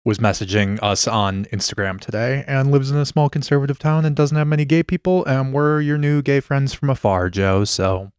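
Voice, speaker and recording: A man's voice: mid-range voice, moderate pace, few pauses, a little mellow, clean tone, no room sound. A man co-hosting a podcast, chatting casually in a dry, joking way. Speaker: podcast co-host. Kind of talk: casual chat.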